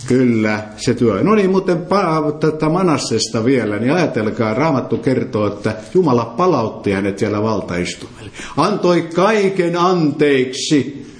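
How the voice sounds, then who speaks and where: A man preaches to a gathering in a roomy, echoing hall, pressing his points with emphasis. He keeps turning questions back to the listeners as he teaches. His voice sits at an ordinary middle pitch. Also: animated, hardly any pauses. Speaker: preacher leading a Bible study. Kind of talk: interactive sermon. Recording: roomy echo.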